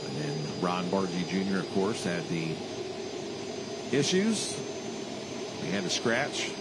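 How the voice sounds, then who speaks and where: A man's voice: deep voice, very animated, takes it slowly. A man working as a tractor pull announcer, calling out names and distances live and repeating them for the crowd. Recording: loud engine and vehicle noise. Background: roaring vehicles at an outdoor track.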